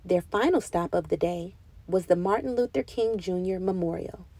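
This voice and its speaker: A woman with a lowish voice reads a children's picture book aloud at a moderate pace, using an expressive storytelling style. There is no echo.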